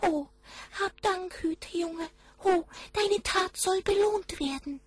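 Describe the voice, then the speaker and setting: A woman voicing a tiny, grateful male kobold with a very high, thin voice and sing-song calls. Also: slow pace, no echo.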